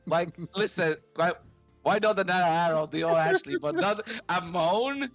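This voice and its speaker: A man's voice: sits high, normal speed, music in the background. A man in casual podcast chat at home, flustered, swearing and laughing things off. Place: room at home.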